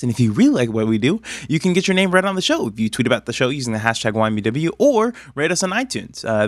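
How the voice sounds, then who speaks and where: A man hosting and narrating a tabletop game podcast in an informal, halting, improvised way. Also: medium pitch, dry recording, clean studio sound. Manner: halting, filler-heavy, informal. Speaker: game master and podcast host.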